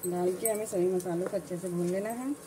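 A woman narrating a home cooking tutorial, calmly explaining each step in order. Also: fairly low pitch, a little fast, background noise. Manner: calm step-by-step instructions. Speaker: cooking channel host.

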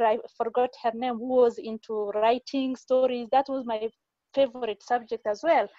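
A woman in her forties from Mali, making an earnest, halting comment over a video call with many fillers. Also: fairly high pitch, dark tone, no echo, highs cut off. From Mali, West Africa. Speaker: audience participant in online talk.

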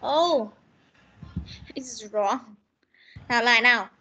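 A young woman teaching an online pronunciation drill over a video call, correcting and repeating words slowly and patiently. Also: on the high side, pushed and bright, breathy edge, muffled recording. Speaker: English teacher.

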